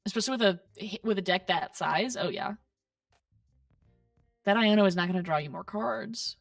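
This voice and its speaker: A woman's voice: medium pitch, normal speed, gravelly, no echo, far from the mic, faint music behind. A woman with a Southern US accent commentating on a competitive card game, analytical with playful asides. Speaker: caster.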